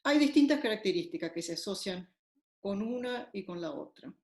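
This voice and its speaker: A woman lecturing on linguistics explains concepts one step at a time in this recorded academic talk, using plenty of fillers in a measured, explanatory way. Her mid-range voice is a little mellow with lively intonation, and the room echoes.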